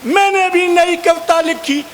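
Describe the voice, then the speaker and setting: Comic poet, male, very high voice, unhurried chanted delivery, faint background noise. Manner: chanting, playful banter with the audience. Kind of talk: stage comedy with sung verse.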